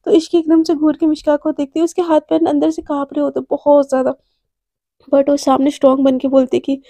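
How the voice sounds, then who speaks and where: Young woman, storytelling narration, high voice, dry recording, breathless, dramatic. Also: little pitch movement, a little fast, warm tone, no echo.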